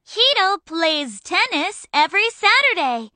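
Very high bright female lesson reader. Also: big pitch swings, takes it slowly, dry recording. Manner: careful, clearly enunciated. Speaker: English model reader. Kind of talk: reading example sentences for a lesson.

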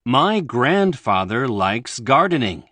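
A man reading example sentences for a language lesson, slowly and deliberately. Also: medium pitch, very animated, pushed and bright, slightly rough, no room sound. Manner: slow, deliberate. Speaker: English model reader.

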